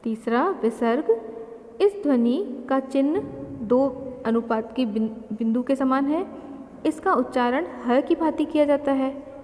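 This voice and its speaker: A woman teaching a grammar lesson, explaining slowly and carefully with spoken examples. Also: high voice, expressive, a little mellow. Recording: long reverb.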